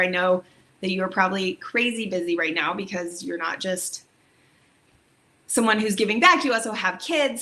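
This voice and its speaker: An author from Texas with a mid-range, sharp voice chats casually about her book on a video stream. She rambles a little, with lots of ums and likes.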